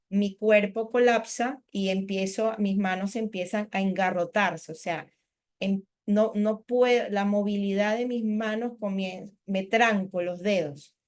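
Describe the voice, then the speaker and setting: A middle-aged woman speaks as a spiritual teacher at a workshop. She tells her own story candidly, in a conversational flow full of little asides, at a medium pitch for a woman. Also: a little mellow. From Panama. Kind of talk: personal testimony talk.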